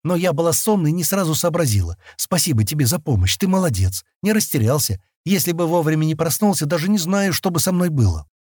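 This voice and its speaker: A man reading an audiobook, voicing a calm, insistent alien woman who presses with questions. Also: on the high side, fast, hardly any pauses, no room sound, studio quality, pitched above the performer's own voice. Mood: grateful. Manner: persistent, probing questions. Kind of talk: audiobook character voice.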